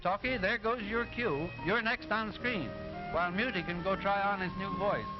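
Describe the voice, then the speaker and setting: A man plays a patient cartoon professor from an early talkie film. His voice is high and he lectures in careful, didactic phrases. The soundtrack is dull and vintage, with music playing behind him. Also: close to an everyday voice. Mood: patient, instructive. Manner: deliberate, didactic, clearly enunciated. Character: instructive professor explaining machinery to pupils. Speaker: narrator explaining sound film.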